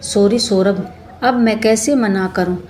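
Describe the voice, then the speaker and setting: Woman narrator as a devoted middle-aged mother, brisk and practical, her own voice barely changed. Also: medium pitch, a little mellow, a little hiss or hum, natural voice.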